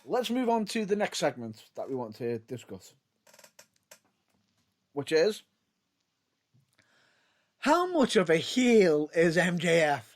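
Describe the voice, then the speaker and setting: A man's voice: on the high side, very animated, takes it slowly, long pauses. A man co-hosting a podcast, laughing often and steering the talk onward. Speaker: podcast co-host. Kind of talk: casual chat.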